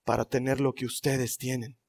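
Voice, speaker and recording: A man voicing a shaken Roman jailer who asks in a hushed, pleading way. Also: mid-range voice, little pitch movement, moderate pace, vocal fry, voice pushed down.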